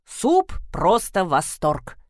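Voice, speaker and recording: Woman doing a slow, easygoing young guy. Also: lowish voice, big pitch swings, darkish tone, dry recording, studio quality, heavily acted. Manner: slow, unhurried, teasing. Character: laid-back hungry young man, joking friend.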